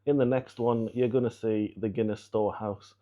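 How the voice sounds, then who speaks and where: A man's voice: fairly low pitch, normal speed, muffled recording. A man chatting casually in a travel vlog, recapping the day to camera. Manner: chatty, relaxed, wraps up to camera. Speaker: vlogger.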